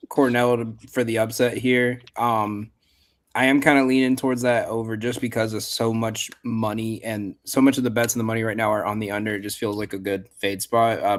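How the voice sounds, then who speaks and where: A man hosting a sports betting show, reading out spreads and percentages and passing to each panelist. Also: fairly low pitch. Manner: reads out betting lines and percentages, hands off to panel. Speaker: host.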